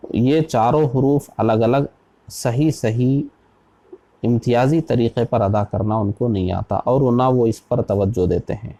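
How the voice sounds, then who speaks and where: A man, an Islamic scholar from India, giving a slow, deliberate religious lesson on Quran recitation and spelling out letters one by one. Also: medium pitch, warm tone.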